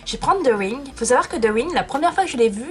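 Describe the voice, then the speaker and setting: A woman's voice: a little high, expressive, fast talker, a crowd in the background. A young woman chatting casually in a vlog from her bedroom, playful and self-mocking. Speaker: YouTuber.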